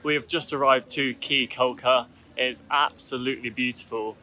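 A man hosting a casual travel vlog outdoors on a tropical island, chatty and relaxed, talking to a handheld camera. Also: mid-range voice, normal speed, over music. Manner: chatty, relaxed, self-correcting. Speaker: travel vlogger host.

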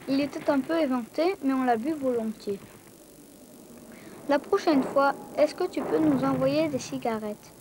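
A woman voicing a young girl who calmly writes a naive letter to the president in a comedy sketch. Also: high voice, lightly acted. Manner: naive, matter-of-fact. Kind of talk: comic letter reading. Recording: noisy tape hiss.

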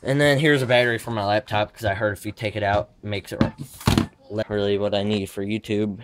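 The recording is very noisy as a teenage boy, his voice on the low side and steady, talks fairly quickly through a handheld tour of his bedroom gaming setup. A retainer gives him a slight lisp, and his casual rambling wanders, with self-correcting asides.

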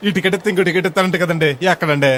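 A man's voice: high voice, steady tone, rapid-fire. An actor playing a chatty, naive village man, clueless on his first flight, in a film comedy scene. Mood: asking. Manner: loud, chatty, rustic and clueless.

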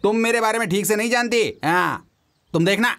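A dub actor playing a boastful, blustering young lorry driver in a comic role. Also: male voice, sits high, brisk, sharp tone.

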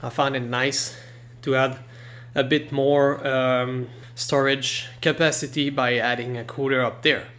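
A man whose first language is not English, casually walking through a kayak he holds the camera over, talking haltingly with many fillers and restarts. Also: mid-range voice, level tone, fairly bright tone. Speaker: kayak reviewer. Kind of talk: casual product walkthrough. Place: indoors beside a kayak, camera in hand.

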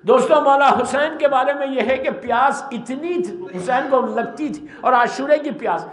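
A male preacher with a very high voice delivers an impassioned sermon to a gathering, slipping English words into his speech. The sound rings around an echoey hall. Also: a bit bright.

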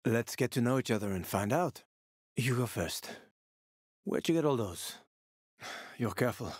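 A hardened male survivor from a video game speaks at a medium pitch with a husky, darkish tone, sounding worn by the world, sardonic, and streetwise, with menace always close. His delivery is dramatic, animated, and unhurried, gritty and foul-mouthed, while his mood stays guarded yet reassuring. The recording is close and dry, with no room sound or echo.

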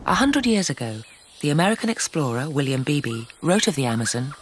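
A woman reading scripted nature documentary narration in a measured, dramatic storyteller's delivery. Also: low voice, very animated, noisy background. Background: loud music and animal sounds.

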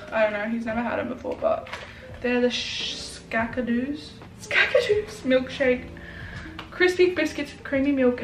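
A young woman with an Australian accent, chatting casually and informally as a vlogger. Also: high-pitched. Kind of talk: casual vlog chat. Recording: echoey room, distant mic, clear noise.

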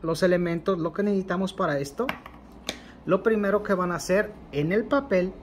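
Seated indoors at a table full of candles and ritual items, an occult instructor, a Mexican man with a Mexican Spanish accent, guides viewers through a ritual in a spoken tutorial. His slightly high voice moves unhurriedly and repeats itself, often closing with a questioning "ok", with a faint hiss in the background.

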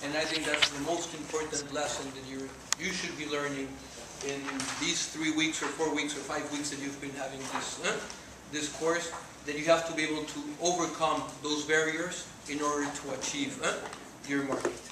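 Students in a lecture room hear an earnest guest speaker, a man in his forties from Mexico, a native Spanish speaker with a Mexican accent, who gestures as he speaks. His voice is on the high side with a flat delivery at normal speed and few pauses. The audio, from a far camera, is distant, echoey, and noisy.

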